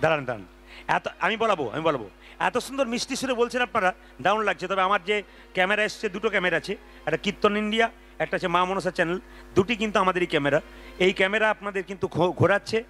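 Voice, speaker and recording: A man preaching between devotional kirtan songs, energetic and urging the crowd to chant along. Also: high voice, quick pace, slight background noise. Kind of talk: devotional kirtan with spoken sermon and call-and-response chanting. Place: large outdoor devotional gathering with crowd. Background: folk music with tabla.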